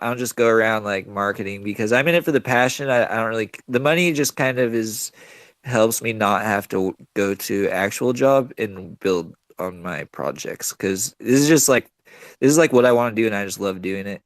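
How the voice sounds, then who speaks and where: A man with an average-pitched voice talks casually as a guest caller. He rambles loosely in slang, and the sound is dry and close. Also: brisk, no echo. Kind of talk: casual chat.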